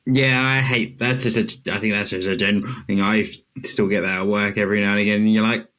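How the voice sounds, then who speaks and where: A man's voice: fairly low pitch, fairly even intonation, fast, a bit bright. A young man from the UK hosting a podcast, chatting casually and joking, with lots of restarts. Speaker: podcast host. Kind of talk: casual chat.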